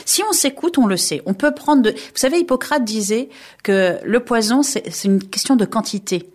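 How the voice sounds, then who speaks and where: A middle-aged woman, a guest on a radio interview, talking in a lively way and acting out inner voices. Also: normal speed. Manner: lively, acts out inner voices with jumps in pitch. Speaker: guest, reflexologist and naturopath.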